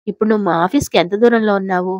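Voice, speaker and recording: A slightly hoarse woman voicing a blunt young husband in an audio story, talking directly and a little impatiently. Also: mid-range voice, fairly even intonation, racing, darkish tone, no echo, muffled recording, voice pushed up, natural voice.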